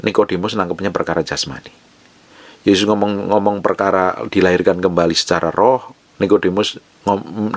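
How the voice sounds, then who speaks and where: A man preaching in a very low, gravelly voice with a husky edge. He talks to his congregation in a relaxed, conversational sermon style, easing into hushed tones to show how to pray. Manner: conversational preaching, drops to a soft whisper when quoting prayers. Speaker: pastor.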